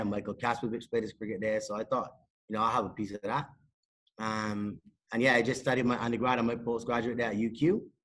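A man, talking as a podcast guest on a video call in a small room, measured and modest, with many fillers. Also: fairly low pitch. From Barbados. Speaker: sports psychologist and cricket coach, podcast guest. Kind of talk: casual interview talk. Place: indoors, small room with a plain wall.

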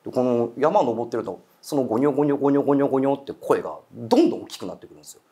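A man's voice: medium pitch, rapid-fire, warm tone. A man telling a ghost story in casual chat, acting out quoted voices and eerie murmurs. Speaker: guest storyteller.

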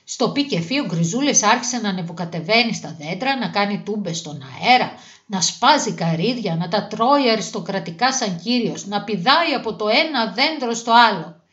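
A woman reading a children's fairy tale aloud in a gentle, even storybook manner. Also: medium pitch. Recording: dull lo-fi recording.

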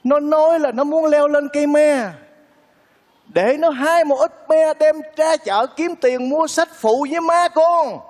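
A man's voice: very high voice, a little slow, a little mellow, big-room sound. An actor playing a kindly, lovesick man who pleads earnestly with a widow, speaking in a stage comedy sketch. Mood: pleading.

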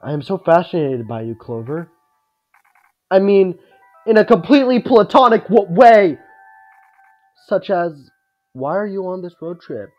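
A man's voice: a little high, expressive, moderate pace, dull audio, faint music behind, natural voice. A man voicing a friendly, admiring young man from a video game, chatty and earnest. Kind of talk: video game character read aloud.

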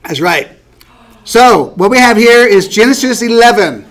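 High-voiced man teaching a Bible class. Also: animated, a little slow, a bit bright. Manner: conversational, asks the class questions, light laughs.

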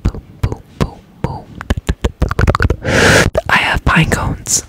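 A young woman whispers ASMR into a close desktop microphone. Her voice is breathy and almost entirely unvoiced. She repeats short trigger words and phrases again and again. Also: drawn-out words. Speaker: ASMR streamer. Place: small room indoors.

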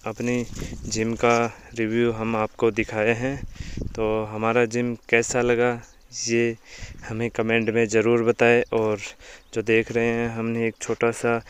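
A man's voice: medium pitch, monotone, a little slow, smooth. A young man, hosting a casual gym tour vlog at an outdoor village gym and often asking viewers to like and subscribe. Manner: chatty, repeats calls to like and subscribe. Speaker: gym owner and vlog host.

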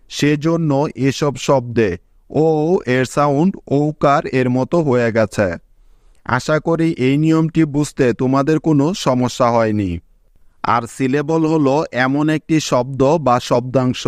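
A man teaching English pronunciation rules in a slow, methodical scripted lesson, reading out example words one by one. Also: mid-range voice, dry recording, clean studio sound.

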